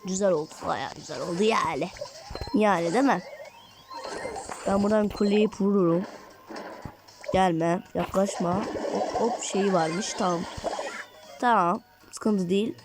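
A woman giving casual gameplay commentary, getting excitable and cursing at her teammates. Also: medium pitch, measured pace, pauses often, over music. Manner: excitable, rants and curses at teammates. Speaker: gaming channel host.

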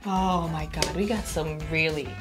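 A woman's voice: low voice, a little slow. A woman co-hosting a casual prank product review, reacting with frequent exclamations and worrying that the pranks are too mean. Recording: loud music under the voice.

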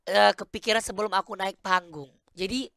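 A man's voice: high voice, steady tone, a little fast, gravelly, bright, forceful tone, no echo, studio quality. A man chatting playfully as a guest on a talk show. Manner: playful, joking. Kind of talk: casual chat.

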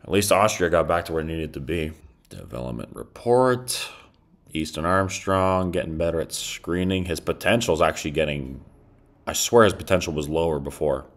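A man's voice: low-pitched, expressive, normal speed. A man giving casual, wry commentary on a hockey management game, talking to his players as he goes. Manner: chatty, wry, talks to the players on screen. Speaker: gaming commentator.

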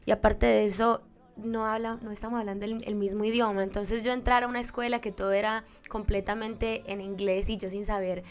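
A woman in her twenties from Colombia with a Paisa accent talks as a guest in a studio interview. She is friendly and lively, speaking into a studio mic on a stand. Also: medium pitch, brisk. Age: 20s. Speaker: singer, guest. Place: small studio, indoors.

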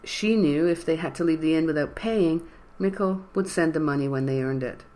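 Measured audiobook narrator. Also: mid-range voice, a little mellow. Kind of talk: scripted narration.

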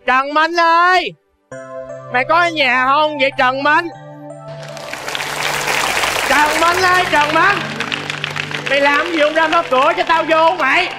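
A performer playing a brash, bullying schoolboy, loud and taunting in a comic opera scene. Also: high-pitched, fast, over a noisy crowd, close to an everyday voice. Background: loud traditional music.

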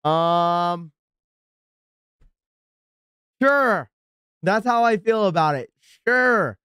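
A man's voice: high voice, animated, slow, a bit bright, clean tone, dry recording, clean studio sound. A man live-streaming, reacting in an exasperated, ranting way and thanking subscribers as he talks to his viewers.

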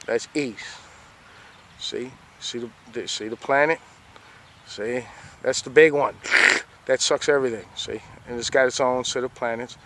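A man's voice: mid-range voice, fairly even intonation, measured pace, long pauses, slight background noise. A man filming the sky outdoors on a handheld phone, rambling and repeating "see?" as he points things out. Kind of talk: casual filmed commentary. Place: outdoors beside a fenced yard.

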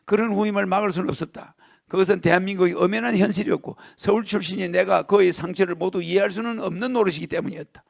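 An older man with a gravelly, creaky voice and a fairly high pitch for a man. He gives a lecture-style talk, reading a column aloud and stopping often to comment. He keeps throwing emphatic rhetorical questions at his audience.

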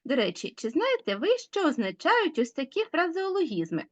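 A woman teacher giving a recorded school lesson, clearly and deliberately dictating example words to pupils. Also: high-pitched, huge pitch swings, dull audio.

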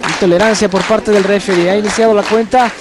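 A man's voice: sits high, fairly even intonation, fast talker. A man giving analytical wrestling commentary as the second commentator of a broadcast. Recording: loud crowd and music behind. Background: loud arena crowd and music.

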